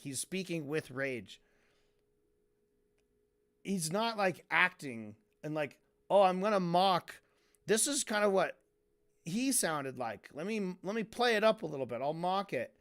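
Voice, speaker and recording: A male streamer giving a casual, profane commentary. His voice sits fairly high and he talks slowly, with mocking asides. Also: a bit bright.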